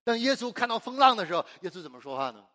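Preacher, male, from China; high, very lively voice; emphatic call-and-response sermon style. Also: rapid-fire. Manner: call-and-response, asks the congregation and answers himself; exuberant and emphatic, laughs often.

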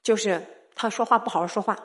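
A woman giving a sermon-style testimony, animated and often laughing, who keeps putting rhetorical questions to her listeners. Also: medium pitch, quick pace. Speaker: church speaker sharing testimony.

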